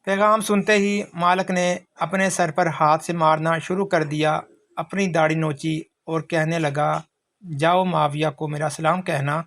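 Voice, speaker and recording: A man reading a scripted moral story aloud as narrator, in an even, steady storytelling voice. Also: fairly high pitch.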